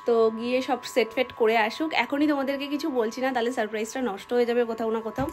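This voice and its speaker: Bengali woman chatting thru a home vlog, pretty high voice, lots of house noise. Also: fairly even intonation, fast. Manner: switches to high coaxing talk with a toddler. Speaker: vlogger. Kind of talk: casual family vlog talk. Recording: noisy home ambience.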